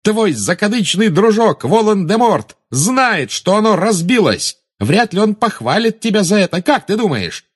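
A man voicing a defiant teenage boy wizard who shouts through pain. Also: high voice, sing-song, moderate pace, few pauses, voice pushed up. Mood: mocking.

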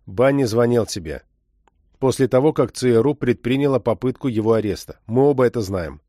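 A male narrator voicing a calm, unemotional undercover agent in an audiobook. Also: mid-range voice, a little fast, no room sound, studio quality, close to an everyday voice. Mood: cold. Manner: level, unemotional.

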